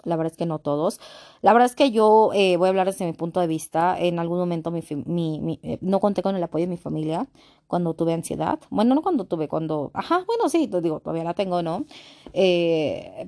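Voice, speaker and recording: A young woman with a Mexican accent hosts a podcast, speaking candidly in a casual monologue. Her voice is on the low side, mellow and a little fast, and she is blunt and slangy, often restarting her sentences.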